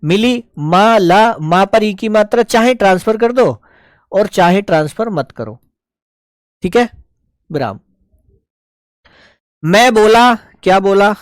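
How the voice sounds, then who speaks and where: A man's voice: high voice, no room sound, clean studio sound. A man teaching a live online shorthand class, explaining each stroke step by step and patiently answering his students.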